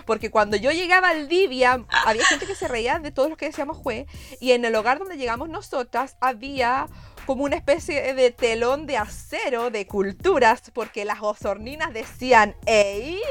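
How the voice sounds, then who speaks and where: A young woman speaks in a high, sing-song southern Chilean accent. She chats casually and emphatically, peppered with slang and playful teasing. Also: moderate pace, a bit bright, faint music behind. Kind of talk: casual chat.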